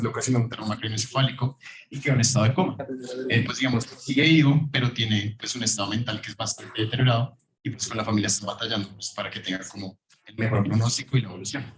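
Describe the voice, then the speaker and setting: Man, classroom lecturer, heavy cathedral-like echo, roomy hall sound, mid pitch, casual, filler-heavy, quizzes students. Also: fairly even intonation, fast. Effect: heavy echo from a large room. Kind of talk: classroom lecture streamed to Zoom. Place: large classroom. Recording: echoey room sound.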